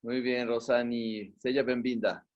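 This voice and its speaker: A man's voice: mid-range voice, fairly even intonation, lo-fi sound. A man hosting an online workshop, greeting each participant by name over a video call. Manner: warm greetings, unhurried. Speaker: workshop host and teacher.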